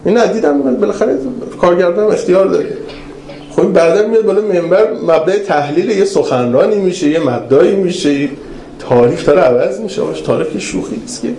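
A man preaching a religious lecture, telling stories in an animated way that swings between raised and hushed passages. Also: sits high, slight background noise. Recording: roomy hall with faint ambience.

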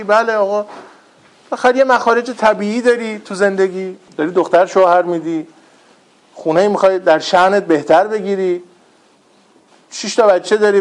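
A male preacher with a somewhat high voice delivers a religious talk. He tells stories briskly, throws in rhetorical questions and dry jokes, and moves between earnest points and playful asides. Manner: lively storyteller, rhetorical questions, wry humor.

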